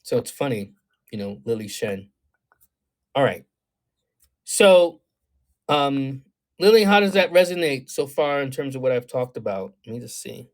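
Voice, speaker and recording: Speaking at a medium pitch with lively intonation, a measured pace, and frequent pauses, a man does astrology readings live. He picks up comments from chat, reads them out, and reacts in a wandering, reflective way full of ums and you-knows.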